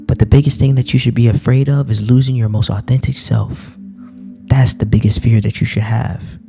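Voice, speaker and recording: A man's voice: mid-range voice, steady tone, normal speed, gravelly, dark tone, faint music behind. A man giving an earnest spiritual talk while reading cards, repeating phrases for emphasis.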